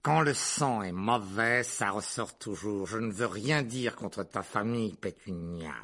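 A man voicing a middle-aged bullying aunt in an audiobook, loud, sneering and mocking. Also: on the low side, measured pace. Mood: smug. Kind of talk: audiobook character voice.

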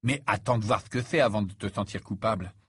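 A man's voice: fairly low pitch, quick pace, a bit bright, slightly rough, dry recording, studio quality, heavily acted. A man reading aloud and voicing a clumsy, teasing teenage boy wizard in a storybook. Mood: casual.

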